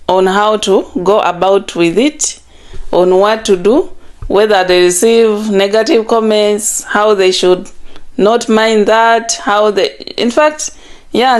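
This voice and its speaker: A woman hosting a commentary channel, talking conversationally and sometimes searching for words. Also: medium pitch. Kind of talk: casual commentary.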